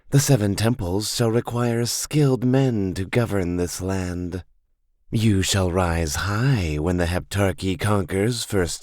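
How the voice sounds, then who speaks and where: A man voicing a scheming female dark priestess who speaks slowly and with cool assurance in an audiobook. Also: lowish voice, dry recording, clean studio sound. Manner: slow, measured, assured.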